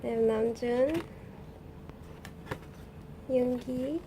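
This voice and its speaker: A young woman chatting casually through an unboxing, often gushing with fan excitement. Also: fairly high pitch, very slow, noisy background. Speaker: unboxing vlogger.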